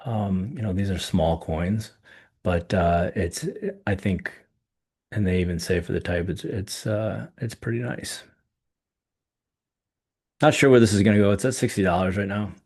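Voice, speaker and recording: Very low-voiced man, hoarse, halting. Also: steady tone, darkish tone. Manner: halting, many ums and restarts, thinking aloud. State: losing his voice. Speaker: podcast host reviewing coin auctions. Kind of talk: casual solo commentary.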